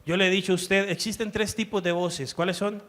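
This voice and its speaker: A man's voice: high-pitched, steady tone, brisk, a bit bright. A man preaching a sermon as pastor, emphatic, acting out the inner voices he describes. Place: church.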